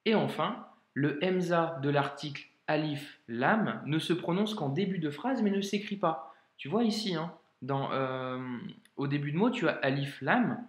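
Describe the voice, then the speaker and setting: Man, teacher, video lesson, patient, informal, slow speech, echoey room. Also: on the high side, expressive. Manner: patient, informal, addresses the learner as tu; slow, drawn-out modeling of example words. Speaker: Arabic reading teacher.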